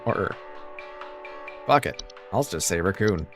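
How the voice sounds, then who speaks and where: A man with a low voice gives casual gameplay commentary. He thinks aloud in an offhand way, with lively swings in intonation and faint music behind him. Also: slow pace. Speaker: video game player and commentator.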